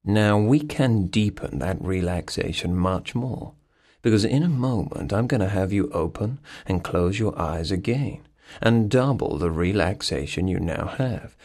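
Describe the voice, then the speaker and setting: A man guiding a hypnosis session, giving soothing, repetitive suggestions to relax deeper. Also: expressive, measured pace, a little mellow.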